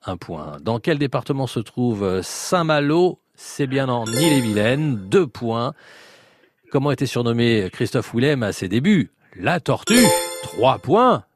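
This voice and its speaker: A man hosting a live radio quiz as a game show host, drawing out questions and tossing in quick asides. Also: medium pitch, big pitch swings, over music. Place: radio studio.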